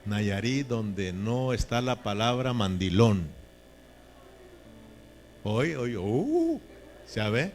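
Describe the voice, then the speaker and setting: A man's voice: mid-range voice, big pitch swings, extremely slow, long pauses, darkish tone, slight background noise. A man preaching a sermon in a folksy, joking way, often checking in with his listeners. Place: church.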